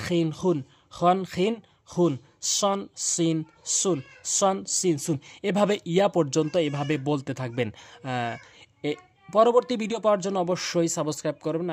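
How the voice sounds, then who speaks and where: Guy teaching quran reading, kinda high voice, repeats syllables over and over, says ah a lot. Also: animated, a little mellow. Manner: slow, repetitive drilling of syllables with frequent "ah" pauses. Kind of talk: spoken tutorial lesson.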